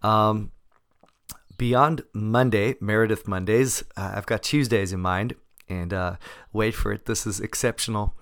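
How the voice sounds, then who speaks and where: A man hosting a casual solo podcast, with a gravelly voice hoarse from laryngitis and a wry, self-deprecating manner. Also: on the low side, steady tone, a little slow, fairly bright tone, no room sound, clean studio sound. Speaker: podcast host.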